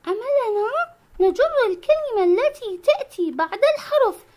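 A woman voicing a family of talking preposition letters in a classroom skit, speaking in a bright, sing-song way. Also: very high voice, animated, normal speed, pitched above the performer's own voice. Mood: cheerful.

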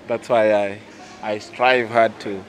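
Out on a poolside terrace, a Ugandan national team goalkeeper and captain in his thirties answers a casual interview into a handheld mic. His voice is fairly low, flat, and slow, his replies hesitant and full of fillers, with outdoor ambience and a little hiss or hum behind him.

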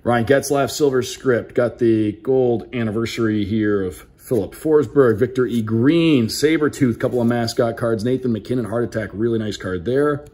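With a dark tone, a medium-pitched male voice moves at normal speed and rarely pauses. He's a hockey broadcaster hosting a card unboxing, giving relaxed commentary in an upbeat announcer style and calling out names as in a game.

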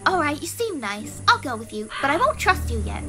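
A woman's voice: high-pitched, very animated, fairly quick. A woman voicing a polite, curious and wary little girl in a video game read-aloud.

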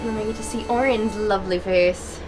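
A young woman hiccuping and laughing loudly as she chats casually while playing a video game with friends in a living room. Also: medium pitch, brisk, soft background music. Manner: giggly, animated, loud laughter. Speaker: let's play co-host. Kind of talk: casual gaming chat.

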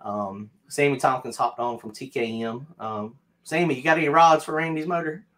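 Speaking at normal speed in a mid-range, fairly bright voice, a middle-aged North Carolinian with a Southern accent chats on a livestream from his home craft studio indoors. His talk meanders, pokes fun at himself, and is full of fillers and restarts.

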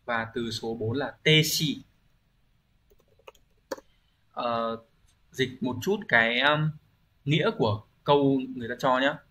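A man's voice: mid-range voice, slow pace, pauses often, bright, forceful tone, slight background noise. A man teaching a recorded language exam-review lesson, explaining patiently and often asking rhetorical check-in questions, with frequent hesitation fillers as he thinks aloud.

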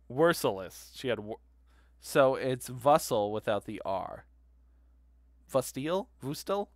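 A man streams a game and chats casually, his medium-pitched voice lively in intonation as he takes things slowly. He rambles, laughs easily, repeats words aloud, and hums to himself. The audio is studio quality with no echo.

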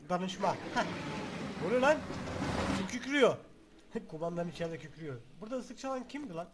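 A young man giving casual let's-play commentary, excitable and chatty, talking to the game's objects with mock threats and sudden shouts. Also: high-pitched, brisk, noisy background. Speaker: gaming video host.

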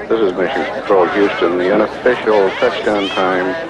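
A man's voice: sits low, fairly even intonation, normal speed, a loud crowd. A man giving mission control callouts over a crackly radio transmission. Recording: muffled lo-fi radio audio.

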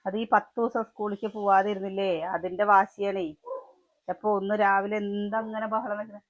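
A woman's voice: mid-range voice, little pitch movement, brisk, muffled recording. A woman with a Malayali accent chatting to the camera in her home kitchen, cooking breakfast and calling out to her children. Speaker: family vlogger, mother. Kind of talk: casual home vlog narration.

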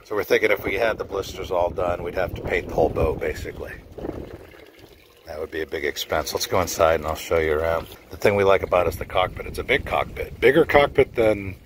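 A deep-voiced man shows off his yacht docked outdoors in a marina, talking fast against a noisy background. His casual walkthrough commentary is relaxed, and he thinks aloud and lets sentences trail off.

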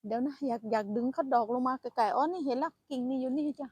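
A woman's voice: high voice, racing, darkish tone, slightly rough, no echo. An older woman from northeast Thailand with an Isan accent, chatting casually by a roadside while foraging and talking to her grandchild. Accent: Isan Thai. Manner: chatty, laughs often, talks to grandchild. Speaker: vlogger. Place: roadside outdoors. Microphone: phone camera.

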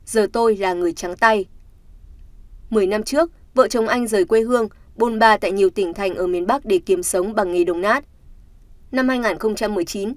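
A woman reads a scripted news report in a steady, somber voice. Her pitch sits in the middle of the range, and the recording is dry and close, with no room sound. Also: dry recording. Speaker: news narrator.

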